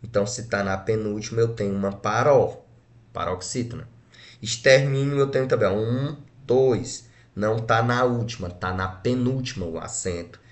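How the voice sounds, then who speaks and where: A man's voice: on the low side, moderate pace. A Brazilian man teaching a grammar lesson, splitting words syllable by syllable and checking in with short tag questions. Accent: Brazilian Portuguese. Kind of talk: exam-prep grammar lesson.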